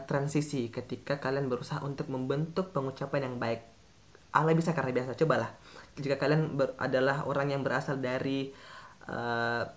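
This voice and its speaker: A man talks viewers through study tips as an English tutor. His delivery is casual and chatty, and he often stops to correct himself mid-sentence. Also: mid-range voice. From Makassar, Indonesia. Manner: chatty, addresses viewers directly, frequent self-corrections. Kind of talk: casual teaching vlog.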